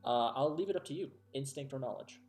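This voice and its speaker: A man running a tabletop role-playing game as game master, narrating scenes and calling for rolls in a measured way. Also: mid-range voice, darkish tone, faint music behind.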